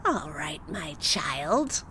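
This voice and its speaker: A woman voicing a fearsome old forest witch in a storybook reading, speaking in a gruff, mocking, menacing voice. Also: low-pitched, big pitch swings, drawn-out words, sharp tone, slight background noise, pitched below the performer's own voice, heavily acted.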